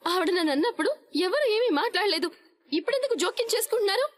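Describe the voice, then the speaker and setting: An actress playing a wronged, defiant young daughter-in-law in a TV serial, speaking with indignation. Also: female voice, very high-pitched, expressive, very fast, slight background noise. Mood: indignant. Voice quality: indignant, pleading. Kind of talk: TV serial acting.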